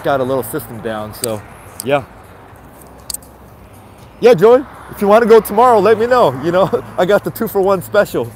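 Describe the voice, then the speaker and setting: The man's voice is high, with big pitch swings, normal speed and frequent pauses, plus a little hiss or hum. He's a stuffy-nosed vlogger live-streaming on a handheld phone as he walks a city sidewalk at night. He chats casually and repeats greetings to his viewers.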